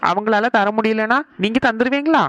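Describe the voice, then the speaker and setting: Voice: mid-range voice, brisk, fairly bright tone, no echo, lightly acted. A voice actor playing a stern male village moneylender, blunt and demanding. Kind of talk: cartoon voice acting.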